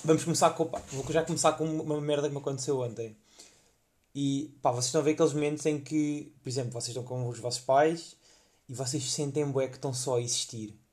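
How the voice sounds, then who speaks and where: A man's voice: mid-range voice, steady tone, quick pace, a little mellow. A young man with a European Portuguese accent telling rambling comic stories as a podcast host, full of slang and fillers. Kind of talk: casual comedic storytelling monologue.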